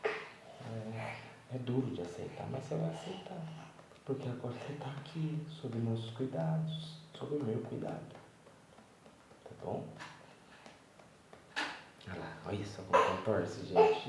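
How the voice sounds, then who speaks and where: A young man softly coaxing and lecturing his baby son at home at night while filming a vlog, gentle and moralizing. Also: mid-range voice, vocal fry, recorded from a distance, noisy background. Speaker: vlogger and father. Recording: echoey room, voice from off-mic.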